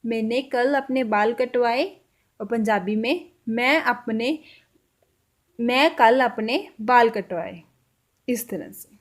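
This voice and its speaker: A woman teaching a language lesson, saying example sentences slowly and repeating them with care. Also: a little high.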